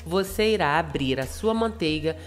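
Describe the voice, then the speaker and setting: A Brazilian woman with a slightly low voice that sounds thin, reedy and cracked from flu. She guides viewers through a recipe in polite, scripted steps. Music plays faintly behind her narration. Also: expressive, moderate pace. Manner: polite, instructional address to viewers. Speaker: cooking channel host.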